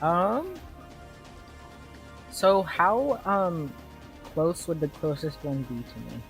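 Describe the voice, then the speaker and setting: A tabletop game player asking rule questions, thinking aloud with many pauses and fillers. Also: medium pitch, sing-song, faint music behind. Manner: slow, hesitant, thinking aloud. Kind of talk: casual chat in a tabletop game.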